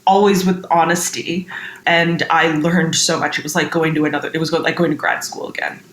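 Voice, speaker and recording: A chatty woman from the United States talks through a casual interview, laughing often and filling pauses with "like" and "um". Her voice sits a little low. It rings with a roomy echo, and a faint hiss runs underneath. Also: fairly even intonation, fairly bright tone. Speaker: guest.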